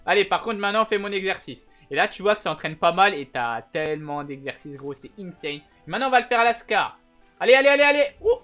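High-voiced young man, slangy gaming tutorial. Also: a little fast, hardly any pauses, faint music behind. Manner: slangy and chatty, with bursts of excited shouting. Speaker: gaming channel host. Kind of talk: casual gameplay tutorial.

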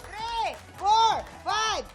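A woman's voice: extremely high pitch, extremely slow. A woman co-hosting a live game show, cheering and counting with the crowd. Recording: music and crowd in studio.

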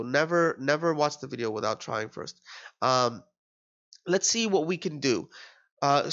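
Fairly high and fairly bright, this man's voice carries a nasal quality from a cold as he tutors his way through an exam question. He's in his thirties, thinking aloud with fillers and false starts, on a dull, lo-fi screen recording.

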